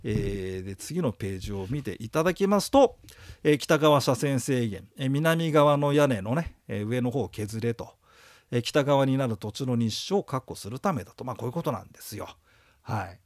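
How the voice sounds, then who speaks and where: A man's voice: medium pitch, animated, moderate pace, dry recording, clean studio sound. A man giving a recorded audio lecture for exam prep, talking casually, joking and leading rhythmic memory chants.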